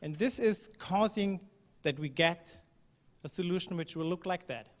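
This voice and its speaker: Speaking at normal speed, a German conference presenter has a voice a bit higher than the typical man's. He sounds relaxed and chatty, with many ums, restarts, and the occasional non-native phrase. A large hall wraps his voice in long reverb.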